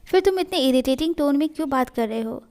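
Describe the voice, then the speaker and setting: A jealous, clingy young man with a sulky way of talking, as a woman reads him in a high voice. He sounds petulant throughout this read-aloud story. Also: expressive, fast talker, darkish tone. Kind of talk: storytelling in a fan fiction reading.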